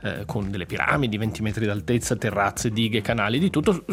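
A man co-hosting a radio show, explaining a story in a measured way with hesitant fillers. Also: fairly low pitch. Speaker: radio co-host. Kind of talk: news item in casual radio chat.

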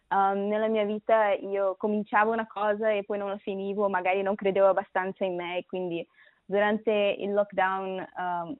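A woman's voice: mid-range voice, dry recording. A woman from Brazil, a guest singer, talking unhurriedly over the phone on a radio show and searching for her words. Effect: heard over the phone. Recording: tinny dry phone line.

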